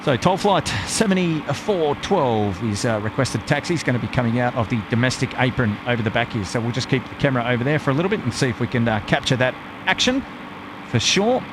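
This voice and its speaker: A man's voice: mid-range voice, noisy background. A man hosting a live stream with casual, matey, rambling plane-spotting commentary and frequent hesitations.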